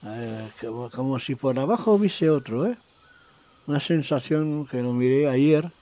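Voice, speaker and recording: A man giving casual, excitable commentary as he plays a game, talking to himself and his viewers. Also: medium pitch, moderate pace. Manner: talks to himself and viewers while exploring, excitable. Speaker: gaming video creator.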